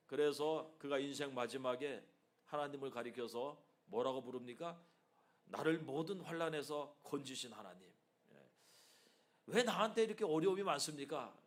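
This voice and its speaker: A middle-aged man preaching a sermon as pastor of his church. He speaks with animated emphasis and often tosses in rhetorical asides to the congregation. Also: medium pitch. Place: church sanctuary.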